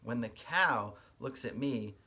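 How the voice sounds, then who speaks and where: A male kindergarten teacher reads aloud with plenty of expression, explaining things in simple terms for young children. His mid-range voice is slightly rough, and he speaks slowly.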